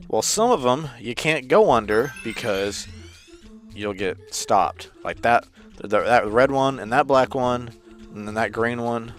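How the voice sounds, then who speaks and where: A man giving casual, rambling gameplay commentary as a let's play host, with sudden loud outbursts and hiccups. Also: fairly low pitch.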